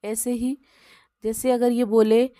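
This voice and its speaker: Woman teacher, higher voice, counting aloud slowly for kids, dry close sound. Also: level tone, mellow, no room sound. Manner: patient, addresses children as "beta", counts aloud slowly. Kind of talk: primary maths lesson for children.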